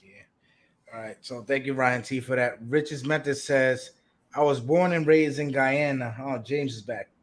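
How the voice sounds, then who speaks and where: A man's voice: mid-range voice, normal speed. A man hosting a casual live stream, chatting in a laid-back, slangy way and reading out viewer comments. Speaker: host.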